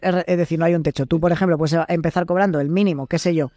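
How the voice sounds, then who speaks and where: High-voiced Spanish actor explaining pay. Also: male voice, very fast, no room sound, studio quality. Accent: Spain Spanish. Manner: animated explainer, acts out quoted dialogues. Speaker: actor and podcast guest. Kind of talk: casual interview chat.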